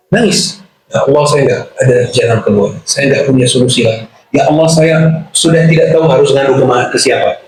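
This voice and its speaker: A man's voice: medium pitch, a little hiss or hum. A man giving a religious lecture, earnest and emphatic, often repeating his key words. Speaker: preacher. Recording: echoey hall.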